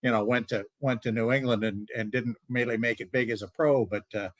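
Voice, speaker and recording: A man's voice: mid-range voice, steady tone, fairly quick, dry recording. An older man on a sports panel, telling stories from his years covering the game, with many fillers. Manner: storytelling, knowledgeable, hesitant fillers. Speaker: sports talk panelist, former anchor. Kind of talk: casual sports banter.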